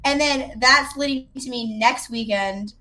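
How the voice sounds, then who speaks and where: An American woman from South Carolina chats casually, joking around in a playful, self-deprecating way. Her voice is on the high side, pushed and bright, and she takes her time.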